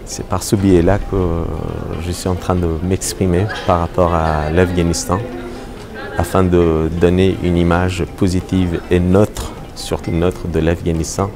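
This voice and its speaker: Middle-aged Afghan man, deep, hesitant interviewee, lapel mic in a gallery with music behind. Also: level tone. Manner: halting, many fillers and restarts. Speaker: painter. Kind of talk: on-camera interview. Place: art gallery hall.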